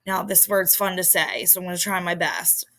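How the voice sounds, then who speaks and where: Speaking at normal speed with fairly even intonation, this Philadelphia-accented teacher has a low, gravelly voice that's bright and forceful. She hails from the Philadelphia area, United States, and talks straight to her students in a casual, conversational vocabulary lesson that was recorded.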